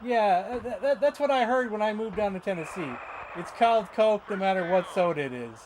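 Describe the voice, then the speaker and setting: A man's voice: sits high, lively intonation, a little fast, background noise. A man with a Michigan accent chatting casually and rambling, often repeating words as he tells stories. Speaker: streamer. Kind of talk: casual chat.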